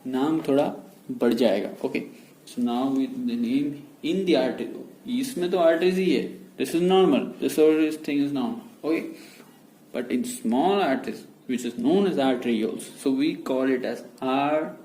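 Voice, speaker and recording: A man giving a medical lecture in a mix of Hindi and English. He explains slowly and repeats key terms. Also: mid-range voice, mellow. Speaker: medical teacher. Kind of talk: whiteboard lecture. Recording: echoey room with faint noise.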